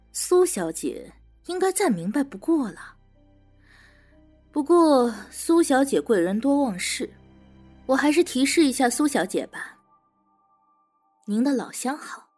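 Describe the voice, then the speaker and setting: A woman's voice: on the high side, a little mellow. A woman voicing a teasing, smug female prison warden and interrogator in an audio drama, with faint music behind.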